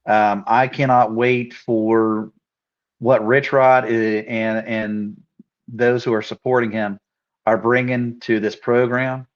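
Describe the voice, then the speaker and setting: A man's voice: medium pitch, little pitch movement, takes it slowly. An earnest, encouraging male co-host on a live sports chat show. His voice comes through dull and muffled, as if on lo-fi audio. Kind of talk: casual livestream sports chat.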